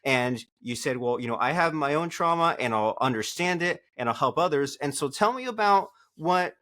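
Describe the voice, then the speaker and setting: A man's voice: on the high side, animated, moderate pace, sharp tone. A man hosting a podcast interview, asking questions in a casual, rambling way. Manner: casual, rambling, uses "like" often. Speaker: podcast host.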